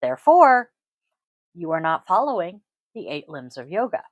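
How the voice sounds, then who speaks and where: A woman's voice: low voice, big pitch swings, brisk, husky, no echo, highs cut off. Chatty laughing woman podcast host. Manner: chatty, laughs often, swears casually. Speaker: podcast host, yoga teacher. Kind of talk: casual chat.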